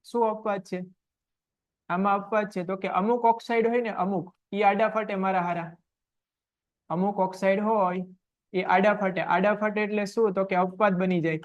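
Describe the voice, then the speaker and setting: High-voiced man drilling a science class. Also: steady tone, normal speed, dull audio. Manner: question-and-answer drilling, answers own questions. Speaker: science teacher. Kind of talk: online class lecture.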